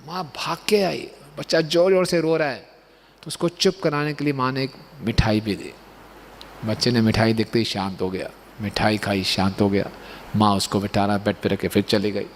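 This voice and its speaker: A man's voice: lowish voice, steady tone, normal speed, slight background noise. Man preaching with tag questions. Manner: explanatory, with frequent rhetorical tag questions and chuckles. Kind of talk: Hindi sermon with stories.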